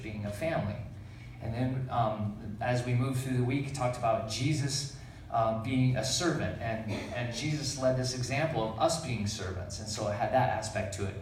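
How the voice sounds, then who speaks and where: A man giving an informal church talk, explaining in a halting way and repeating phrases as he goes. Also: mid-range voice. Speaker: church speaker introducing others. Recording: very echoey room, distant mic, faint noise.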